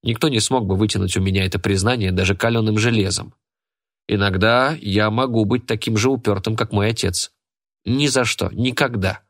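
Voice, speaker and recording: An audiobook narrator with a lowish voice reads a first-person story at a steady, measured pace, keeping his delivery even from start to finish.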